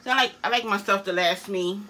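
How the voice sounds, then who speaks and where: A woman's voice: medium pitch, fast talker, pushed and bright, a little hiss or hum, rough recording. A woman giving a casual product demonstration, her articulation slightly awkward as she talks with new braces in her mouth. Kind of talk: casual product demo chat.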